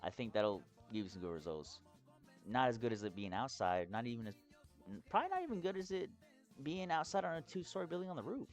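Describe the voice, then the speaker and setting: A man from Texas giving a casual, rambling explainer vlog as a hobbyist, sounding drunk, halting and swearing freely. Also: mid-range voice, very animated, faint music behind. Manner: tipsy, rambling drunk talk with halting phrases and heavy swearing. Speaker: hobbyist presenter.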